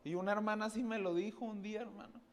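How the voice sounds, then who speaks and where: A man's voice: sits high, steady tone, quick pace. Earnest man giving a church testimony. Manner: earnest, often addresses listeners as "hermano". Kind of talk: personal testimony to a congregation.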